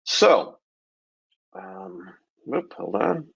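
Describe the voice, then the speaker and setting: A man presenting a technical webinar, relaxed and full of ums and restarts. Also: low voice, very slow, vocal fry, husky, no echo. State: early-morning voice. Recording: dull lo-fi webinar audio.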